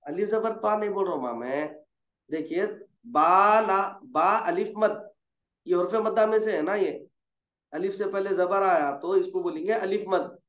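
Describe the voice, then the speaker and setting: A high-pitched man tutors Quran reading, drawing out each letter and coaxing his student along. His voice sounds roomy and a little dull, like a lo-fi call. He corrects gently and repeats until it sticks. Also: moderate pace. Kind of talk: patient tutoring over a call.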